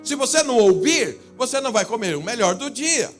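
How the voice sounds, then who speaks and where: Animated Brazilian preacher with a high voice. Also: male voice, fairly quick, faint music behind. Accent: Brazilian Portuguese. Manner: storytelling preacher, swinging from loud emphatic lines to low asides. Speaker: pastor. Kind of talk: sermon. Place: church.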